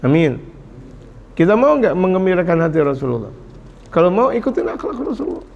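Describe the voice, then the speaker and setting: Lively high-voiced preacher. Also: male voice, brisk, gravelly, dull audio. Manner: lively, jokes and acts out scolding parents. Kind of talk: sermon.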